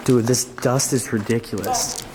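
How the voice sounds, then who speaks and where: A young man talks casually to his camera while exploring an abandoned tunnel. His voice sits at a middle pitch, and his delivery is informal, full of slang and exclamation. Faint location noise runs behind him. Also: a little slow. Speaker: vlogger, urban explorer. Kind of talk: casual exploring vlog chat. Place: inside an abandoned subway tunnel. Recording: noisy on-location recording with ambience.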